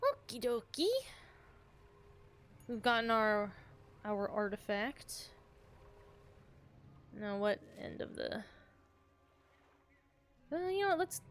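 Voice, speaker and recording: A woman's voice: mid-range voice, lively intonation, measured pace, long pauses, a little hiss or hum. A woman giving casual, chatty commentary while streaming a game, with a playful way of talking.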